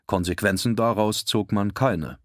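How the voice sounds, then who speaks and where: A man reading an audiobook in a measured, serious, documentary-style narration. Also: fairly low pitch, fairly bright tone, no room sound, studio quality.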